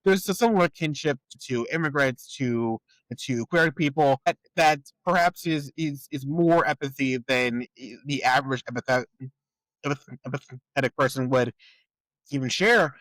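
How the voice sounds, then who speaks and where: A man hosts a podcast in a casual political chat, working through his thoughts aloud. He is halting and often repeats a word before going on. His pitch sits in the ordinary middle range, and the recording is dry and close. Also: a bit bright, no echo, poor audio. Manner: halting, repeats words while thinking aloud. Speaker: podcast host.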